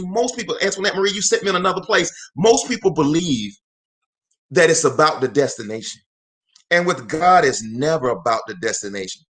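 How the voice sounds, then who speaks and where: A motivational speaker and host in his forties gives a fervent live talk with a preacher-like cadence, repeating phrases for emphasis and calling out to viewers. His voice is fairly high with a fairly bright tone.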